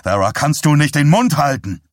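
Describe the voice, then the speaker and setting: A man voicing a stunned, heavyset middle-aged father who speaks quietly and curtly. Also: very deep voice, little pitch movement, a little slow, husky, dry recording, clean studio sound, voice pushed down, full character voice. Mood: snapping. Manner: quiet, dazed, curt.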